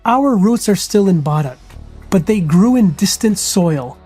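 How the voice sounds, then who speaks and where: A woman reading scripted documentary narration in a measured, solemn manner. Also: mid-range voice, animated, dark tone, slightly rough, faint music behind.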